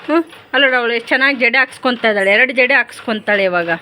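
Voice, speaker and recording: A woman's voice: on the high side, very fast, sharp tone, slight background noise. Chatty young mother vlogging at home. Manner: chatty, coaxing and scolding her small children. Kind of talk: casual home vlog.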